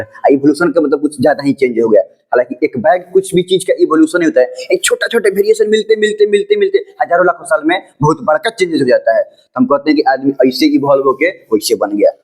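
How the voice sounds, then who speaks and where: Fairly high-voiced man teaching biology. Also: darkish tone, low-quality recording. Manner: explains with rhetorical questions and repetitions; mixes English textbook lines into his speech, read slowly. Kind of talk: informal classroom lecture.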